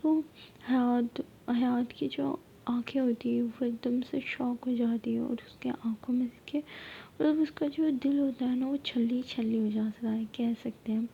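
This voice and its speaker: A woman tells a story almost entirely in a soft, steady whisper, her voice a little high with very little pitch movement and some vocal fry. The recording sounds slightly dull, with a faint rumble underneath.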